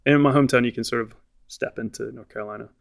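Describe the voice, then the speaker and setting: American guy in his twenties, podcast co-host; mid-pitched with a gravelly rasp, unhurried and hesitant delivery. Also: steady tone, over a noisy crowd. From southern Virginia, USA. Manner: hesitant, lots of fillers and restarts. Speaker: podcast co-host, cinema staff member. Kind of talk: casual chat.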